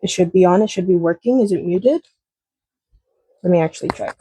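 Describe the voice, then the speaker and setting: A woman's voice: on the low side, a little fast, warm tone, breathy edge, no room sound, poor audio. A woman vlogging casually at home, chatty and rambling, through a small wireless clip-on mic whose noise reduction leaves processing artifacts. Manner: chatty, rambling, lots of fillers. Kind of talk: casual chat to camera. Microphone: wireless clip-on mic plugged into a phone.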